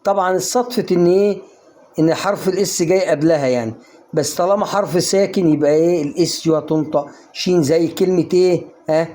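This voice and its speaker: A man's voice: fairly high pitch, quick pace, warm tone. An Egyptian man teaching English pronunciation in a casual online lesson, coaxing the viewer with questions he answers himself. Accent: Egyptian Arabic.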